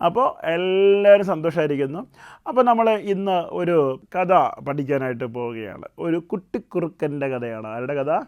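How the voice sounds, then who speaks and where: Gentle male storyteller for children. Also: fairly high pitch, lively intonation, measured pace. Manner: gentle, keeps asking the children questions as he tells the tale. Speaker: puppet show host and storyteller.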